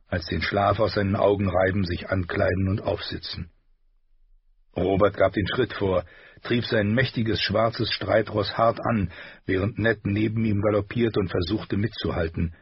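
A man reading a fantasy audiobook with expressive storytelling. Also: fairly low pitch, husky, dry recording, lo-fi sound. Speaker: audiobook narrator. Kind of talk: scripted fantasy audiobook narration.

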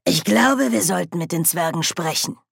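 Stern old storybook witch, curt and low , put on by a female reader, dry close sound. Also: expressive, normal speed, creaky, fairly bright tone, breathy edge, dry recording, full character voice. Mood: commanding. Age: older. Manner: curt, commanding. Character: stern, sharp-tongued old witch woman.

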